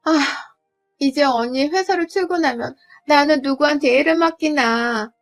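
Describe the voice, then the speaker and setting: A shrill, entitled young sister-in-law, voiced by a woman narrator pitches her voice up above the storyteller's own and speaks a little louder. She wheedles and demands. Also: moderate pace, soft background music. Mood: wheedling.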